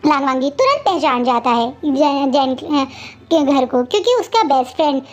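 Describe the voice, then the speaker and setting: A woman casually retelling her own fanfiction, halting and often restarting. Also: high voice, big pitch swings, faint music behind. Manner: halting, with many fillers and restarts. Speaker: fanfiction narrator. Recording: dull lo-fi recording.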